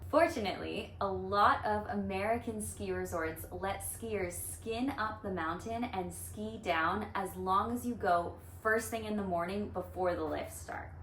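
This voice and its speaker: A woman co-hosting a vlog in casual conversation, upbeat and expressive. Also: medium pitch, a little slow, few pauses. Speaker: vlog host. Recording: echoey room, faint background noise.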